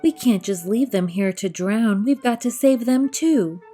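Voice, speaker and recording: A woman's voice: a little high, a little slow, dark tone, soft background music. Woman as an earnest, pleading ship's captain. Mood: worried, pleading. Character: honest, sincere male ship's captain, earnestly concerned. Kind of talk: children's storybook character reading.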